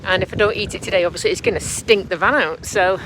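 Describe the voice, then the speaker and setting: A woman's voice: mid-range voice, fast, a bit bright, slight background noise. A woman chatting casually in a travel vlog, rambling and self-deprecating. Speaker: vlogger. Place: camper van and outdoors.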